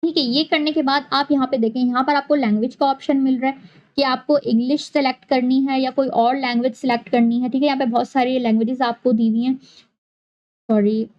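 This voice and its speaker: A woman with a high, light voice walks through a software tutorial step by step. She explains patiently and goes back over key points. The recording is dull and lo-fi. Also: fairly even intonation, brisk. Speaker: animation tutorial host.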